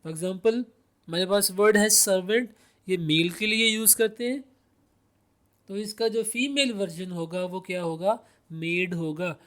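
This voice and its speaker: High-voiced man teaching grammar. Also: unhurried, fairly bright tone. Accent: Pakistani. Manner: repeats rhetorical questions, lists word pairs. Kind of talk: explanatory lesson.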